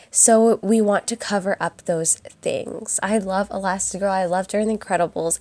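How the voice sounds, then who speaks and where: A young woman with a raspy, hoarse voice from a cold, chatting casually through a makeup tutorial voice-over. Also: medium pitch, a little mellow. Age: young adult. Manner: chatty and upbeat, addresses viewers as guys. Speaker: beauty vlogger. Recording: voice-over with faint music behind.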